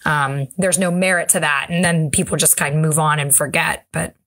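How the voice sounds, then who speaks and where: A woman's voice: low voice, fairly even intonation, normal speed, fairly bright tone. A woman co-hosting a podcast, talking in a thoughtful, conversational way with fillers and restarts. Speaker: podcast co-host. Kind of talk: casual discussion.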